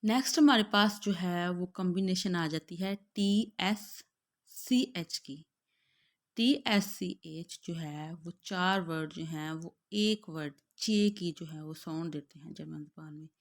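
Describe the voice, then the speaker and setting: Slow, careful Pakistani woman teacher. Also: on the low side. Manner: drawn-out, carefully spelled-out words, glossing each in Urdu. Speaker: German language teacher. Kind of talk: slow pronunciation lesson, repeating each word.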